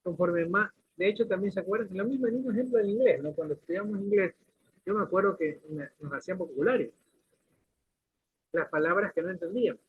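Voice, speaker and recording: A man's voice: high voice, fast, breathy edge. A man teaching a class, explaining points with questions and everyday examples, often restarting his sentences. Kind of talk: classroom lecture. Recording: lo-fi phone-like recording.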